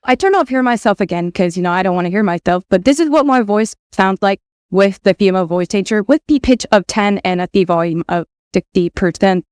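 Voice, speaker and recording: A man's voice: high voice, expressive, fairly quick, smooth, no echo, clean studio sound, pitched above the performer's own voice. A man talking casually while an AI voice changer makes him sound like a woman. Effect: AI voice changer turning his voice female. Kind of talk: casual demo talk.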